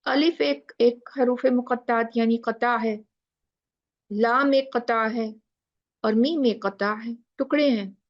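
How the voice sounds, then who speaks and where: A woman's voice: fairly high pitch, steady tone, slow pace, dull audio. A woman teacher explaining recitation rules in a class, asking questions and drawing out letter sounds. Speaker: tajweed teacher.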